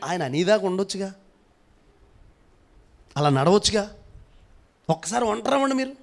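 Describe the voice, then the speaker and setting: High-voiced impassioned male preacher. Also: sing-song, moderate pace, gravelly. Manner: impassioned preaching, building to loud repeated cries then dropping low. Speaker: pastor. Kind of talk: sermon.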